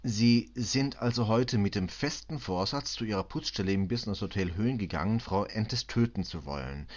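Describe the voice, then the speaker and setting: A man playing a patient middle-aged police inspector, speaking calmly, clearly and reassuringly. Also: on the low side, moderate pace, muffled recording, natural voice.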